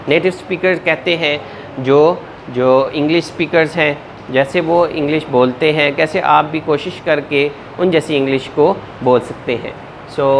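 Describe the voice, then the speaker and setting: A man teaching a spoken English lesson, mixing Urdu and English and modeling words slowly and deliberately. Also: a little high, a little hiss or hum. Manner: mixes Urdu-Hindi with English.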